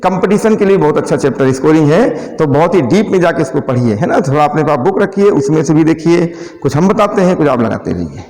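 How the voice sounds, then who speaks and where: A man teaching a math lecture, explaining step by step and slowly dictating English terms as he writes. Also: fairly high pitch, lively intonation, a little mellow. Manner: explains step by step, often checking in with listeners. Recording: long reverb of a classroom.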